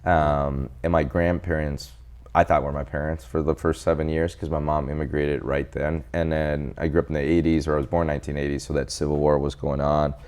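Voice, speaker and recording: This man from El Salvador, a doctor in his forties, recounts his life in a relaxed interview, lively and full of quoted remarks from others. He talks a little fast in a very deep, clear, resonant voice.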